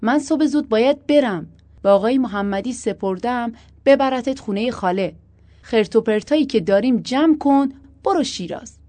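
Woman reading as a tense male air force pilot, urgent and insistent, mellow dry delivery. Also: fairly high pitch, expressive, no echo, pitched above the performer's own voice, lightly acted.

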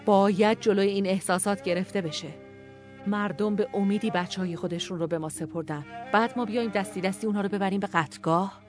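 A determined male commander addressing his men in an audio story, as a narrator puts him on. His delivery is firm and insistent at a mid pitch. Faint violin music plays behind. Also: steady tone, natural voice. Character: resolute war commander, man, firm and impassioned.

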